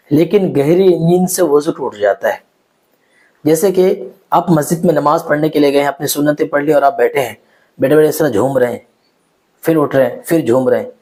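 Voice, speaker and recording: Man teaching religious rules, mellow tone. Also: on the high side. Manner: explanatory, numbered points, addresses viewer directly; repeats each rule in simpler words. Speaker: Islamic teacher. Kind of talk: religious instruction video.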